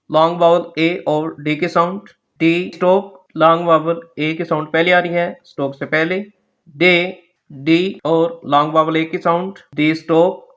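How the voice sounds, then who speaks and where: A man teaching shorthand step by step, slowly spelling out letters one at a time. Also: fairly high pitch, a bit bright. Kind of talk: step-by-step lesson.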